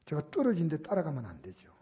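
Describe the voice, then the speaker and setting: An older man preaches to his congregation in a church sanctuary. His voice is dark and mellow, with a husky, breathy edge. He presses his points loudly, then falls to hushed, almost whispered asides. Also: fairly high pitch, huge pitch swings, quick pace. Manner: shifts from loud emphatic exhortation to soft, near-whispered asides. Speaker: pastor. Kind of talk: sermon.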